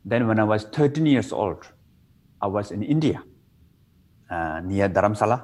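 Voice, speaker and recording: With a lowish, darkish voice, a man from Nepal speaks animatedly at a normal speed, telling meditation stories. He is a meditation teacher in a relaxed, playful interview, speaking broken, simple English with a Nepali accent.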